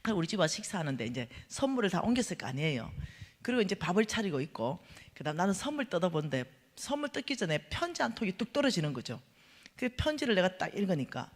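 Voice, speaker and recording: A middle-aged woman gives an animated testimony sermon. She tells her story in a lively way and acts out the dialogue, moving between loud outbursts and hushed asides. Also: on the low side. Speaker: staff speaker at a church revival meeting. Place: large church hall. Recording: long hall reverb.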